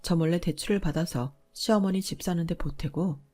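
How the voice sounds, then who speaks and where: A woman reading a scripted first-person story in a steady, aggrieved recounting way. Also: fairly low pitch, brisk. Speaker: narrator.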